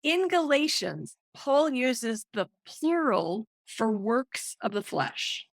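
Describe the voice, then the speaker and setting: A middle-aged woman, a guest author and counselor, explaining with excited emphasis in a podcast interview. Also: a little high, slow, vocal fry, dry recording, studio quality.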